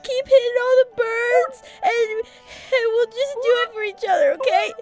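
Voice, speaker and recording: A woman voicing a sweet, earnest Pokemon girl, speaking high and choked with tears. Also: moderate pace, a little mellow, soft background music. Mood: tearful.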